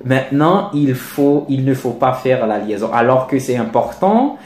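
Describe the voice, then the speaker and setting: A man teaching a lesson on pronunciation, slowly and deliberately repeating his examples. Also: medium pitch, expressive, darkish tone, reverberant. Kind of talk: lecture on French pronunciation.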